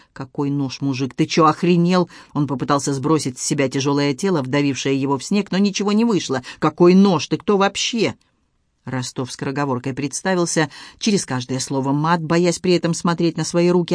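A man's voice: a little high, dry recording, clean studio sound. A man reading a crime novel aloud with tense, dramatic narration. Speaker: audiobook narrator. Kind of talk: scripted narration.

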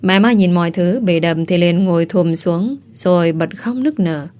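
Female narrator, low-pitched, reads a melodrama evenly. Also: moderate pace, darkish tone. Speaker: storyteller. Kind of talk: scripted story narration.

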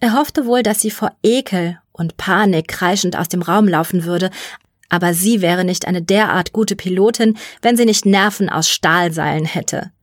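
A woman's voice: on the low side, no room sound. Woman reading a story in a dry room. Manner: even, measured reading. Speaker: story reader. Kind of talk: scripted narration of a science fiction short story.

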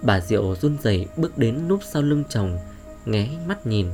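Expressive male horror storyteller. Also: on the low side, moderate pace, faint music behind. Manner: expressive, suspenseful. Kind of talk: dramatic horror story narration.

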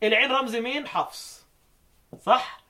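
A man with an Egyptian Arabic accent teaching Quran recitation. He quizzes his listeners with quick questions and then chants the verses slowly. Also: very high-pitched, fairly even intonation, bright, forceful tone. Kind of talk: lecture explaining recitation variants.

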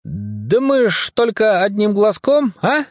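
A man voicing an eager young special forces captain in an audiobook, with a raised, excited voice. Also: high-pitched, slow, no room sound, studio quality, voice pushed up, exaggerated voice.

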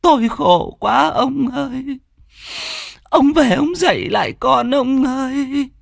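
A man voicing an old widowed mother in a spoken ghost story, her lines shrill, pleading and tearful. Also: huge pitch swings, slow pace, dry recording, studio quality, heavily acted. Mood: wailing.

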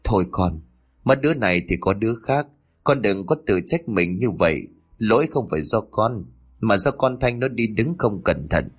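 A man's voice: fairly low pitch, animated, moderate pace, slightly rough. A man voicing a scheming older mother-in-law who talks brusquely, in a storybook reading. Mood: dismissive.

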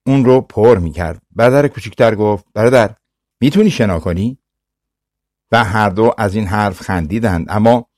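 A man narrating a fairy tale audiobook in a measured, expressive storytelling manner. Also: lowish voice, dry recording, studio quality.

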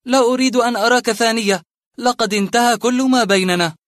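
A bitter, disillusioned barber, as a male reader puts him on, cold and scornful and hurling his words in a raised, emphatic voice. The voice sits fairly high for a man and is recorded close and dry, with no room around it. It suits a dramatized audiobook. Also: very animated, fast talker, no echo. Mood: bitter, defiant.

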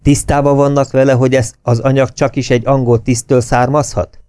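A man voicing an enraged, near-hysterical British officer who shouts his rebukes. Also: mid-range voice, lively intonation, no room sound, studio quality, close to an everyday voice. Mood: berating.

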